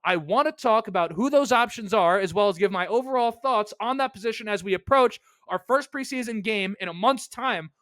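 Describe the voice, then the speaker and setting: High-voiced New man, rambling podcast host. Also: brisk, hardly any pauses, pushed and bright, no room sound. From New York. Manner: rambling, asks rhetorical questions, self-mocking asides. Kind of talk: casual solo sports podcast talk.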